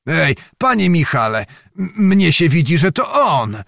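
A boastful old nobleman full of bluster, put on by a male narrator. He exclaims theatrically, his pitch leaping up high. The sound is close and dry. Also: very animated, unhurried, gravelly, fairly bright tone, dry recording, exaggerated voice. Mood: wheedling.

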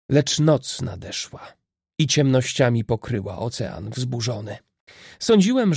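A man reading a classic adventure novel as an audiobook, with steady, expressive storytelling. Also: medium pitch, breathy edge, dry recording, clean studio sound. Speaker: narrator.

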